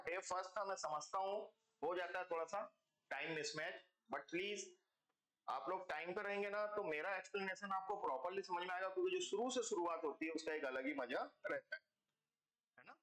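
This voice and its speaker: A man's voice: fairly high pitch, normal speed, a bit bright, reverberant. A man teaching a math class online, explaining step by step and checking in with his students again and again, calling them kids. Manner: calls students "beta" and "bachcho".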